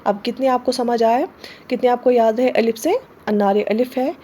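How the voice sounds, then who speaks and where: Her voice is mellow and fairly high, and slight background noise can be heard as she teaches Urdu online for an exam. Patient throughout, she spells letters and words slowly, repeats them, and regularly checks in with "theek hai".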